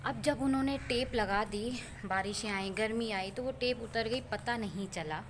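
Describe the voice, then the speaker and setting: A woman's voice: fairly high pitch, moderate pace, slight background noise. A woman from Pakistan chatting casually to her viewers in a vlog, telling a story and pointing things out around her. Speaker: vlogger. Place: rooftop outdoors.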